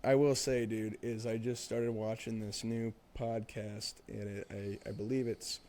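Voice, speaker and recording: A man's voice: fairly low pitch, flat delivery, a little slow, mellow. Casting: young man, loose rambling podcast host, swears freely, leans on filler words. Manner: rambling, profane, full of fillers. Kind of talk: casual chat.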